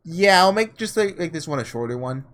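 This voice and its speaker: His voice sits fairly high, with lively intonation and a fairly quick delivery. The gaming host reads visual novel text during a casual playthrough, musing informally as he goes.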